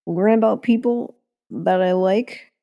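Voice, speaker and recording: A woman's voice: medium pitch, measured pace, gravelly, mellow, lo-fi sound. A woman hosting a podcast in a casual chat, laid-back and giggly. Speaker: podcast host.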